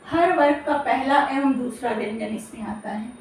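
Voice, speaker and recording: A woman's voice: high-pitched, moderate pace, slight background noise. A woman teacher giving an exam-prep grammar lesson, repeating key terms and checking understanding as she goes. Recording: very echoey room, distant mic.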